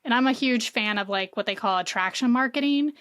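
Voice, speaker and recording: A woman's voice: fairly high pitch, fairly quick, fairly bright tone, smooth, no echo, studio quality. A woman guest on a podcast, explaining marketing casually with many "like" fillers. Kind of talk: conversational interview.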